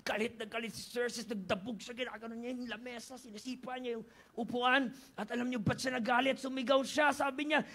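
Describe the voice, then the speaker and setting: A male pastor with a Filipino accent, telling a Bible story as a lively sermon, mixing in English and rising to shouted exhortations. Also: very high-pitched, brisk.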